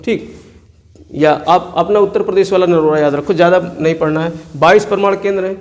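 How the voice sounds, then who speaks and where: In a high, steady, brisk voice, a male teacher walks his students through exam map work. He keeps questioning and then answering himself, saying every place name again and again to make it stick.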